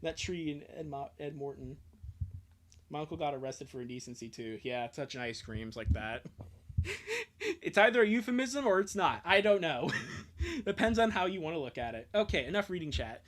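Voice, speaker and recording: Lively in intonation and moderate in pace, this mid-range voice belongs to a streamer making casual chat during a live reading. They joke, giggle, and keep interrupting themselves mid-thought, with slight background noise.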